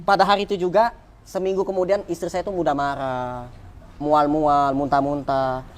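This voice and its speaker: A man's voice: on the high side, steady tone, normal speed. Man telling a story with big swings. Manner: vivid, repetitive, swings from loud to hushed. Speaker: interview guest. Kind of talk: animated personal storytelling.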